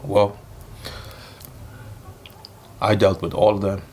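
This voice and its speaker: A man's voice: lowish voice, little pitch movement, slow, a little mellow, a little hiss or hum. A man chatting casually to viewers as a mukbang host while eating crunchy fried chicken, slangy and repetitive, with satisfied hums. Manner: slangy, repeats phrases.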